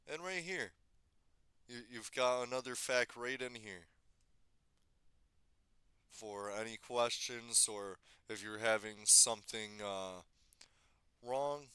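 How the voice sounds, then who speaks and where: A man giving a casual screen-recorded software tutorial, thinking aloud and correcting himself as he goes, slightly losing his voice. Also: medium pitch, takes it slowly, long pauses, clean tone, no room sound. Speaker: tutorial maker.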